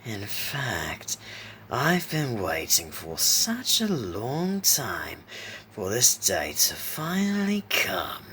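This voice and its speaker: A man voicing a sinister, cruel male clown in a horror story reading, speaking in a raspy, slow, mocking whisper. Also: lowish voice, pushed and bright, a little hiss or hum, exaggerated voice.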